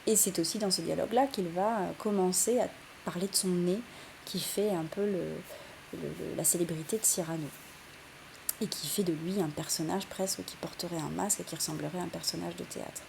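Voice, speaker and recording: A woman's voice: on the low side, brisk, creaky, noisy background. A young woman teaching a recorded literature lesson, explaining step by step with frequent fillers and restarts.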